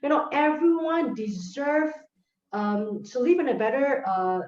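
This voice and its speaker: A woman's voice: high voice, expressive, measured pace, darkish tone. A woman hosting an interview over a video call, talking earnestly and at length to encourage her guest. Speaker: host. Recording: roomy, distant, dull video-call audio.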